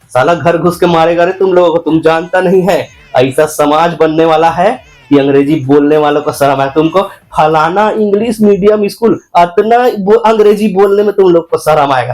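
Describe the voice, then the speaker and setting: A man's voice: on the high side, a little mellow, close to an everyday voice. A man playing an ignorant, boastful political devotee in a satirical comic monologue, speaking rustic broken with an indignant, mocking manner.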